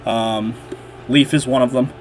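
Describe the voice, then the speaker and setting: Chatting casually on a livestream while he mods, this nasal-voiced host rambles along, full of fillers and restarts. His mid-range voice keeps a steady tone and runs a little slow, with slight background noise in the recording.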